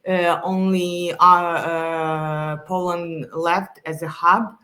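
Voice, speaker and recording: A woman's voice: fairly low pitch, level tone, drawn-out words, bright, forceful tone. A woman from Serbia, speaking as a podcast guest in earnest, casual conversation, often restarting as she searches for words.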